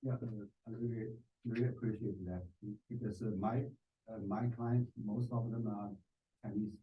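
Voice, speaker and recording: A man in a class speaking up about his clients, halting and hesitant. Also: lowish voice, fairly even intonation, slight background noise. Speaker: real estate agent in class. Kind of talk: class question. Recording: distant, muffled room mic.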